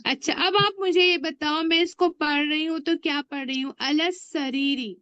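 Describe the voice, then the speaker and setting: A woman's voice: very high voice, moderate pace, bright, forceful tone, dry recording, highs cut off. A woman teaching Arabic grammar in an online class, patiently drilling words and asking her students questions. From India. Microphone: online class audio.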